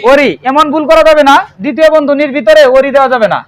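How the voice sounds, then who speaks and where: A man's voice: very high voice, rapid-fire. A male math teacher with a Bangladeshi Bengali accent, giving a classroom lesson and quizzing his pupils, repeating their answers back.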